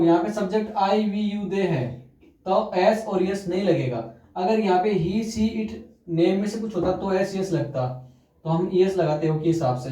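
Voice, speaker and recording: A man teaching English grammar, dictating example sentences slowly and quizzing students with repeated questions. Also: high voice, warm tone. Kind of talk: classroom grammar lesson. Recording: echoey room, far from mic.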